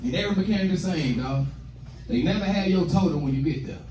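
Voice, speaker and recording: A young American man does stand-up on a small indoor comedy club stage, slangy, profane and conversational, acting out bits of dialogue in a slightly high voice at a quick pace. His handheld stage mic is picked up by a distant camera, so the room is echoey with loud crowd noise, audience laughter and room noise.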